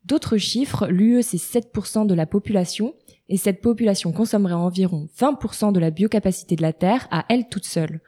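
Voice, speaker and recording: Radio host lady, warm mellow voice, reading her bit then chatting. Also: mid-range voice, brisk, husky. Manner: reads scripted segment, then chats. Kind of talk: radio talk show hosting.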